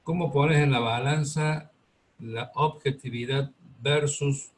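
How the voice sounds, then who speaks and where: A man's voice: medium pitch, fairly even intonation, a little hiss or hum, poor audio. A man thoughtfully forming a question to the teacher. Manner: thoughtful, slow with pauses while forming a question. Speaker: workshop colleague. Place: classroom.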